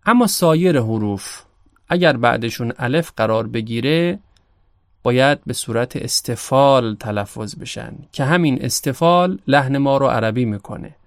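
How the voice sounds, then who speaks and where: Male recitation teacher, native Persian speaker, measured explanation, smooth voice, dry close sound. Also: medium pitch, no echo. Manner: calm, measured, slows to pronounce Arabic examples. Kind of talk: explanatory lesson.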